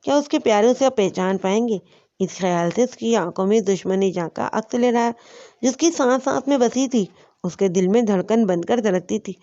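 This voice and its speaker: A woman narrating a romance novel in a steady, expressive reading. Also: mid-range voice. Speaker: audiobook narrator. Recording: dull lo-fi recording.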